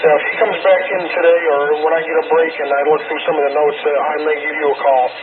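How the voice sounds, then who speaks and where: A man's voice: on the high side, flat delivery, fast talker. A man working as net control on an amateur radio net, running it in polite radio procedure and repeating call signs, heard over a ham radio transmission. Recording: tinny radio transmission with loud static.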